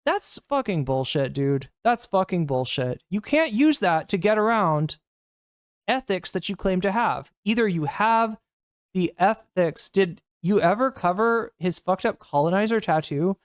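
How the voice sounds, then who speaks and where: In a casual livestream, a woman reacts to clips for her chat, bluntly, heatedly, and with plenty of swearing. Her middle-pitched voice is expressive and a little slow, captured close and dry without room echo.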